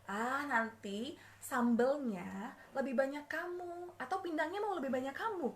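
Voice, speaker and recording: A woman's voice: high-pitched, measured pace. A woman voicing a worried older sibling. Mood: coaxing. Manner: coaxing, then anxious and soothing. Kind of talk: storytelling.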